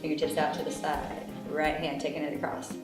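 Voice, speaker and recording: A yoga instructor with a low, flat, brisk voice leads a guided class, giving stretching cues alongside chatty, joking asides. The room is echoey, with background music.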